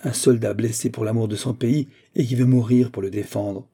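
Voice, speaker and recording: A man's voice: medium pitch, steady tone, normal speed, vocal fry, warm tone, slightly rough. A man voicing a curt, proud young soldier. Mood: defiant. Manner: curt, clenched.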